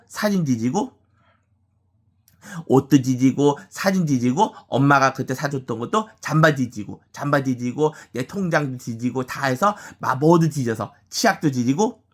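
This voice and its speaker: A man giving a personal monologue about his family, rambling and repeating the same words and phrases again and again, with halting restarts. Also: medium pitch.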